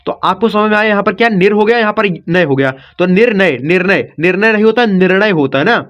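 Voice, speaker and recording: High-voiced man teaching spelling, coaxing. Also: fast, a bit bright, muffled recording. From India. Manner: repetitive, coaxing, says "ठीक" and "बच्चों" often. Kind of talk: step-by-step spelling lesson.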